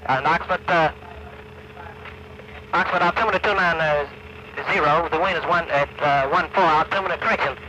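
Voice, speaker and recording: A man's voice: a little high, moderate pace, pauses often. A man working as an air traffic controller, giving formal procedural instructions over a military aircraft radio. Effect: military aircraft radio transmission. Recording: noisy 1960s air traffic radio recording. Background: radio and aircraft noise.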